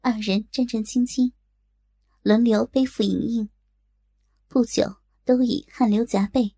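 A woman reading a scripted martial-arts story in a measured storytelling manner. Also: on the high side, steady tone, dark tone, no room sound. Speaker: narrator.

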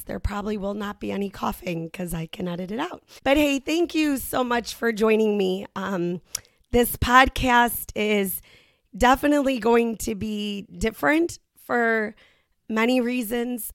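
A middle-aged woman hosting a personal faith podcast, raspy and hoarse from laryngitis, talking candidly and conversationally. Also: medium pitch, dry recording, studio quality. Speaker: podcast host.

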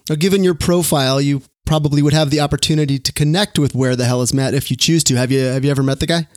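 A man's voice: on the high side, fairly even intonation, dry recording. Earnest podcast host man, dry close sound. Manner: affirming, earnest, measured. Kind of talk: interview hosting.

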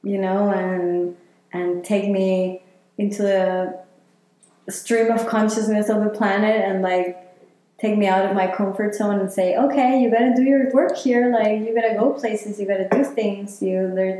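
A woman answers interview questions at an unhurried pace. Her voice is mellow and dark in tone, and she muses as she speaks, filling her pauses with "like" and "you know." The room around her is strongly echoey. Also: medium pitch, steady tone. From Chile. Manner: reflective, talks with many fillers. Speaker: interviewee, healer. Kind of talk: casual interview.

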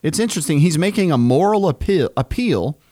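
A man, a pastor co-hosting a podcast, explaining a Bible passage in a measured, deadpan way. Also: fairly high pitch, no echo, clean studio sound. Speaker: pastor and co-host.

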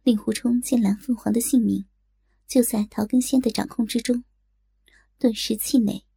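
Woman with a gravelly, husky storytelling voice. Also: a little high, normal speed, no echo, clean studio sound. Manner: steady, storytelling delivery. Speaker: narrator. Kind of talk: scripted audiobook narration of a martial-arts tale.

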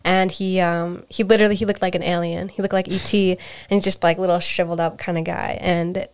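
A woman's voice: lowish voice, level tone, fairly quick, clear, resonant tone. A woman from Peru co-hosting a podcast, telling personal stories in a hesitant, reflective way. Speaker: podcast co-host. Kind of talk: casual personal storytelling.

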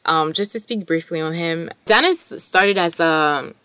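Woman, French as first language, lowish pitch, casual discussion style, enthusiastic, dry acoustics. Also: unhurried, sharp tone, clear, resonant tone, no room sound. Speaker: podcast co-host discussing articles and poetry. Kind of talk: casual discussion with some poetry reading.

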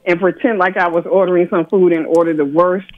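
A high-voiced man rambles through a casual radio chat as a guest doctor, circling back on his words and laughing easily. The sound is dull and lo-fi. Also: steady tone, brisk.

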